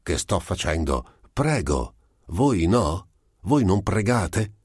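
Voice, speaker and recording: An earnest old village priest argues his faith brusquely and fervently, lifted above the low voice of the man reading. He sounds flustered but keeps pressing his point. The sound is dry and close. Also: sing-song, slow pace, a little mellow, breathy edge, dry recording, heavily acted. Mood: pleading.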